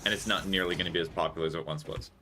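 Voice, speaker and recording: A man's voice: low-pitched, steady tone, rapid-fire, sharp tone, faint music behind. A young man chatting casually and musing aloud while he streams a game, given to mock-dramatic remarks. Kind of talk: casual gameplay chat.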